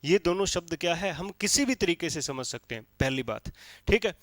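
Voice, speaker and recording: A man's voice: a little high, expressive, a little fast, fairly bright tone, no echo. A male teacher giving a classroom lecture in speech, explaining step by step and checking in often with his listeners. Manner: explains step by step with frequent checks like "theek hai".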